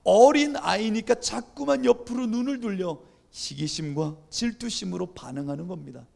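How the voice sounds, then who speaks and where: A man's voice: sits high, moderate pace, vocal fry, darkish tone. A male pastor preaching a sermon in a conversational way, acting out quoted dialogue.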